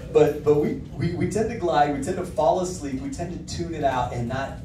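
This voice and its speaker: This is a middle-aged man, a pastor, with a fairly high voice and a moderate pace, emphatically reading song lyrics into a handheld mic mid-sermon. He's recorded from the back of a church hall that has a projector screen. The hall echoes, background noise is present, and the mic comes through from a distance.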